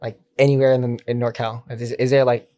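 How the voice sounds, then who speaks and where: A man's voice: medium pitch, level tone, fairly quick, mellow, no echo. A young man chatting casually on a podcast in slangy bro talk. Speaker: podcast co-host, videographer.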